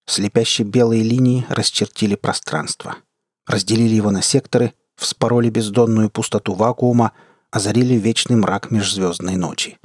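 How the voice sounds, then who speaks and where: A man hosting an audio magazine and narrating a science-fiction story in a steady, expressive way. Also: lowish voice, normal speed, dry recording, studio quality. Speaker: host and reader.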